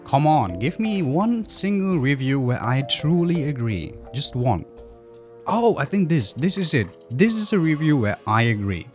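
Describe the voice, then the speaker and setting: A man giving conversational video commentary on reviews, with an animated, wry and mock-exasperated way of talking. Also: a little high, unhurried. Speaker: gaming video creator reading reviews. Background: background music.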